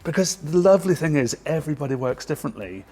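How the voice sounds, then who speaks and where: A man hosting a casual podcast chat, playful and quick to laugh. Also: on the high side, animated, warm tone. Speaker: podcast host, wedding photographer.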